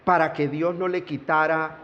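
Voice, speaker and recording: A man preaching a sermon as pastor, earnest and deliberate, slowing down to stress key words. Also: on the high side, flat delivery. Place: church sanctuary. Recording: dull lo-fi church hall with long reverb.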